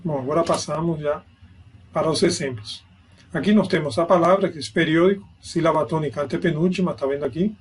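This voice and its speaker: A man's voice: fairly high pitch, brisk, a little hiss or hum. A man giving an online grammar lesson, explaining step by step and checking in with his students. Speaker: Spanish teacher.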